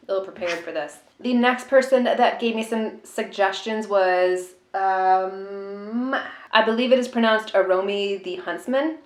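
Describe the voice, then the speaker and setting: A woman talks casually to her viewers as a vlogger showing what she bought. Her voice sits at a middle pitch. She rambles and muses informally, feeling for her words, and the room around her sounds noticeably echoey. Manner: informal, rambling, hesitant musing. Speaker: tea vlogger. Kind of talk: casual unboxing chat.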